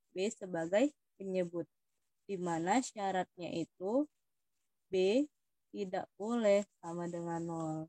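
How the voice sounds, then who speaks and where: Speaking with an Indonesian accent, this young tutor walks students through math test questions with patience, addressing each as "Dik." Her voice sits at medium pitch, and the recording has no echo.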